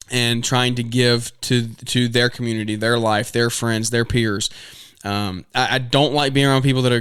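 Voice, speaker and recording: A man's voice: mid-range voice, fairly bright tone, smooth, no room sound, clean studio sound. A man in his twenties hosting a solo podcast, talking earnestly and rambling a little, with many fillers and restarts. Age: 20s. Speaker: podcast host.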